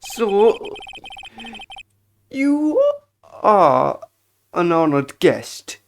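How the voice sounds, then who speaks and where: A woman's voice: fairly low pitch, big pitch swings, drawn-out words, slight background noise, pitched above the performer's own voice, full character voice. Woman doing an obsequious young bellboy. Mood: fawning. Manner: obsequious and overly polite. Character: fawning young male hotel bellboy. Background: game music.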